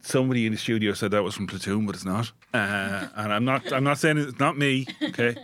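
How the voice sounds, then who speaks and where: Fast-talking joking man host. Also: lowish voice, fairly bright tone, dry recording. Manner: joking, teasing, quick banter. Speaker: radio show host. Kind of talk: casual chat. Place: studio.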